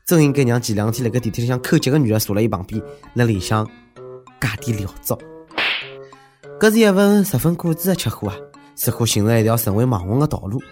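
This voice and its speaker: A male host with a clear Shanghai accent delivers humorous news commentary. His pitch swings in an animated way as he mocks and needles in a conversational tone. Music plays behind his voice. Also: fast talker. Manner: sarcastic, mocking, conversational delivery.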